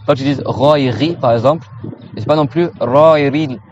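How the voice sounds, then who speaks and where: A man from France leads an informal recitation class, breaking words into slow, repeated syllables and asking "okay?" after each point. His voice sits at an ordinary middle pitch. The recording is muffled and lo-fi, with a faint hiss behind him. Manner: repeats Arabic sounds slowly for students to echo; casual, familiar, checks in with "d'accord?". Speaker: Quran recitation teacher. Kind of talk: informal pronunciation lesson.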